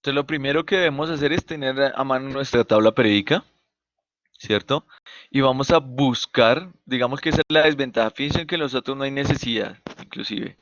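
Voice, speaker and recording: A man's voice: medium pitch, brisk, a bit bright, no echo. Guy teaching chem online over a dull dry laptop mic, patient, asks stuff then answers it, colombian accent. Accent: Colombian Spanish. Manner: patient, asks questions and answers them himself. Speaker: chemistry teacher. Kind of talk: online class lecture. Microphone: computer mic on a video call.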